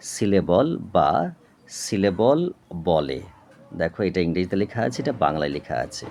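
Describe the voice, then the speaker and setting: Low-voiced patient male tutor. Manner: slow, patient, repeats "okay?" to check understanding; spells words out and breaks them into parts. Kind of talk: board lesson explaining English syllables.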